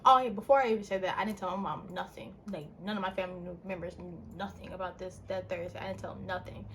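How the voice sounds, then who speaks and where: A young woman casually telling a personal story on her channel, her voice jumping up in pitch and full of "like" fillers. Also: fast, slight background noise. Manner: animated, with big pitch jumps and frequent "like" fillers. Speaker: vlogger.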